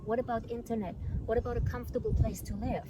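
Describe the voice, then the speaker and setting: A woman's voice: fairly high pitch, fairly even intonation, fast talker, noisy background. A woman from Austria, a community manager and yoga teacher, answering interview questions fluently outdoors.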